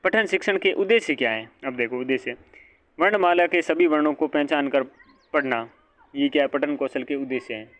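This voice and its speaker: A man's voice: a little high, fairly quick, fairly bright tone. A male teacher giving an exam-prep lecture, asking and answering his own questions and repeating each point. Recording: dull lo-fi audio.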